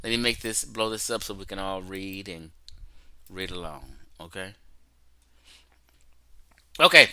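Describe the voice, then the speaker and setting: Deep and expressive, this man's voice moves a little slowly with many pauses and has a bright, forceful tone on a low-quality recording. Hosting a casual online talk show livestream, he lectures emphatically, reads text off his screen, and constantly asks his audience "okay?" or "right?".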